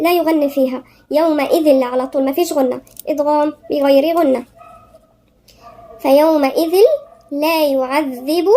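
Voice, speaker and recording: A woman with an Egyptian Arabic accent teaching tajweed. She chants verses slowly, then explains each rule quickly, step by step. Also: sits high, warm tone. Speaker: Quran recitation teacher. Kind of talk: tajweed lesson.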